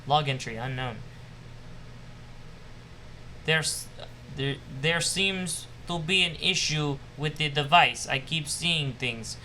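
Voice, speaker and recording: A man's voice: fairly high pitch, takes it slowly, pauses often, pushed and bright, a little hiss or hum, full character voice. A man voicing a bitter, obsessive male scientist losing his mind, ranting and paranoid in a put-on Russian accent. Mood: desperate. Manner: ranting, paranoid, self-pitying.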